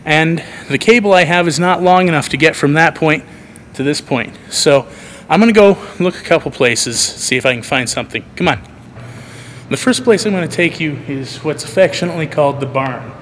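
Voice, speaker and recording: A man's voice: a little high, moderate pace, a bit bright. A man giving a casual, rambling vlog tour with dry, self-deprecating humor, talking to a handheld camera. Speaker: video producer and vlogger giving a tour. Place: large empty church auditorium at night. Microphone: handheld camera microphone. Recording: echoey large hall, clear background noise.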